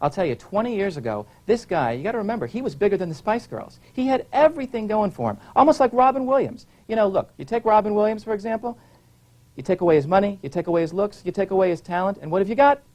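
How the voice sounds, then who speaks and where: Talent agent, man, fast showbiz patter, high voice. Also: sing-song, darkish tone. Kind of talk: comic interview.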